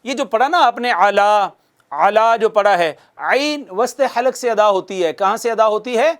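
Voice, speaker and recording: Man, recitation teacher, high voice, smooth and resonant tone, slow drawn-out recitation, asks and answers his own questions. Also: expressive. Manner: slow drawn-out recitation of verses, then explaining and having viewers repeat. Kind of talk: televised tajweed lesson. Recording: studio broadcast.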